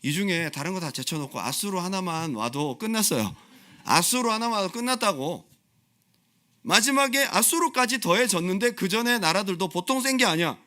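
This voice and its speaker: A male pastor preaching a sermon in a church, impassioned and repeating phrases for emphasis, swinging between loud pleading and quiet explanation. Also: high-pitched, expressive, moderate pace. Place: church sanctuary.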